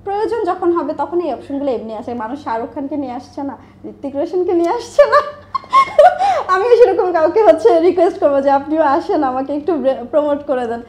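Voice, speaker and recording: With big pitch swings and a darkish tone, a high-voiced woman speaks a little fast as a guest in a conversational interview. She owns an online business, has a Bangladeshi accent, and mixes English words into her candid, emphatic speech. Slight background noise can be heard.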